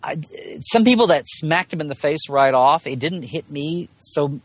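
A Star Trek blogger appears as a podcast guest in a casual fan discussion, speaking colloquially, wandering off on tangents and often rephrasing mid-thought. His voice is a little high with lively intonation at normal speed, and there's no echo.

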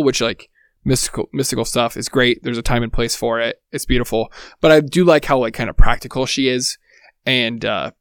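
A man's voice: mid-range voice, clean tone, dry recording, studio quality. A man co-hosting a podcast, talking with enthusiasm and rambling as he searches for words. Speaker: podcast co-host. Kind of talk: casual podcast chat.

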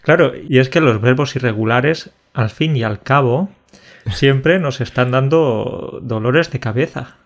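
A man, co-hosting a lesson podcast, explaining grammar in a friendly, clear way. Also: mid-range voice, unhurried. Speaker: Spanish teacher, podcast co-host. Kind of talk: casual chat.

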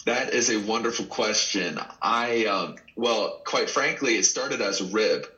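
A man from Texas, a pro wrestler being interviewed, telling stories in an animated way with frequent laughs and restarts. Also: on the low side, a little slow, highs cut off. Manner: animated storyteller, laughs often, many restarts. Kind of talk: casual interview chat.

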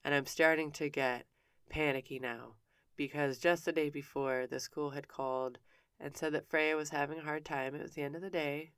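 A woman's voice: low voice, fairly even intonation, moderate pace, smooth, no echo, clean studio sound. A woman telling a personal story in a frank, conversational way, often stopping and restarting her sentences. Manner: candid, frank with casual swearing; self-interrupting with frequent restarts.

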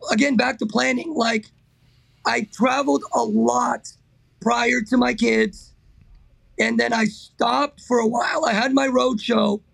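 A middle-aged man with a hoarse, raspy, strained voice, talking casually and emphatically as an interview guest. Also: very high voice, fairly bright tone, dry recording, rough recording. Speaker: interview guest, car builder.

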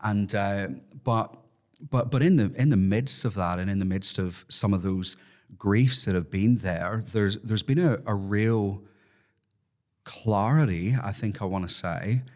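Low-voiced Irish man in conversation. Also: a little slow. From Ireland. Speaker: podcast guest, ministry worker. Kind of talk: conversational interview.

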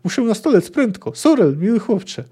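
A man's voice: high-pitched, very animated, moderate pace, dark tone, pitched above the performer's own voice. A man voicing a pompous, indignant old male wizard who rants in archaic phrasing. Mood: whining. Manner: archaic, ranting speech.

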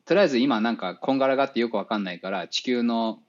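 A man, an engineer guest in a casual interview, explaining things step by step with many fillers and pauses. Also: medium pitch. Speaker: spacecraft navigation engineer. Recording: dull lo-fi audio.

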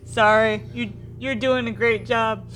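A woman working as game master, improvising scene narration in an informal, halting way. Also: on the high side, steady tone, fairly bright tone, faint music behind.

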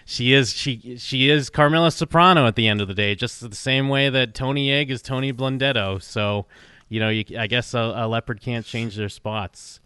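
A man with a smooth, crisp and bright voice, recorded dry and close. He talks loosely and haltingly in casual podcast chat, full of fillers, restarts and the odd curse. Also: medium pitch, fairly even intonation, dry recording. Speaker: podcast co-host.

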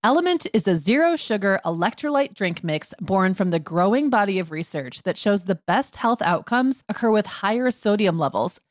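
Lively-pitched woman reading an ad. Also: no echo, studio quality. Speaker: podcast host reading sponsor message. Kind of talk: scripted ad read.

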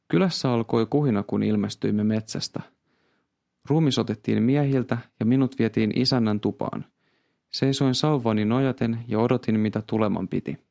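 A man reads a story aloud, calm and patient in his delivery. His voice is low and carries a gravelly, fry-tinged texture. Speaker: narrator. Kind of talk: storybook narration.

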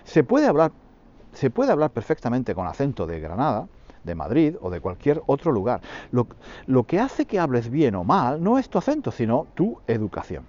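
A man hosting a podcast lesson for Spanish learners, repeating phrases slowly for his listeners. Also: medium pitch, huge pitch swings, highs cut off, background noise. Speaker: podcast host teaching Spanish.

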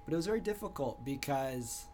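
A young American man answering interview questions in an earnest, reflective way, often pausing with "you know". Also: mid-range voice, lively intonation, warm tone, a little hiss or hum. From United States. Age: young adult. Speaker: guest entrepreneur.

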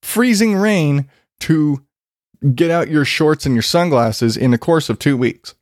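An Arizona vlogger with a congested, slightly high voice rants casually and unhurriedly about yard work, swearing freely, rambling and poking fun at himself. The recording is dry with clean studio sound.

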